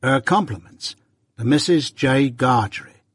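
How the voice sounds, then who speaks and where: Man playing Joe Gargery, slow simple countryman. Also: medium pitch, husky. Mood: halting. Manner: halting, deliberate, rustic nonstandard grammar.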